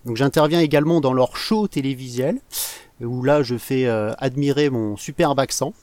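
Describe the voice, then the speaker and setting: A man in a relaxed podcast chat, telling his story with easy self-mockery. His voice sits at a middle pitch. The sound is dry and close, with no room around it. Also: normal speed, dry recording. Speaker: podcast guest, baseball community manager. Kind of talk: casual chat.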